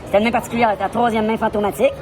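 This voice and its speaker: A man with a Québécois accent, livestreaming a loud, provocative, rambling monologue in a public place and switching between French and English. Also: sits high, level tone, very fast, music in the background, crowd noise. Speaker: live vlogger.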